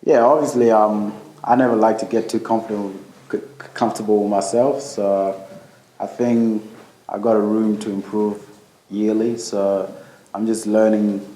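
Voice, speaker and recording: A young man being interviewed as a football guest, laid-back and halting. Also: fairly low pitch, flat delivery, dark tone. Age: young adult. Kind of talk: casual interview. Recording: roomy echo.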